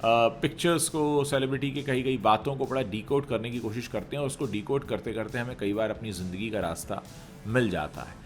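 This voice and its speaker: A man giving conversational entertainment news commentary, talking straight to viewers with rhetorical questions. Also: medium pitch.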